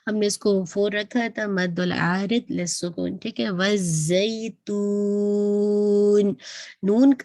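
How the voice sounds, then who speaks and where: A woman's voice: medium pitch, hardly any pauses, a little mellow, no room sound. A woman teaching Quran recitation in an online lesson who patiently demonstrates each sound and keeps checking back with her students.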